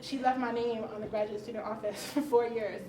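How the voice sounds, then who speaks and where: A woman's voice: on the high side, fairly even intonation, fairly quick, a crowd in the background. A woman speaking frankly and conversationally on a conference panel, often laughing as she talks. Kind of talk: candid personal talk at a roundtable. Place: conference session room. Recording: roomy, distant, faint hiss.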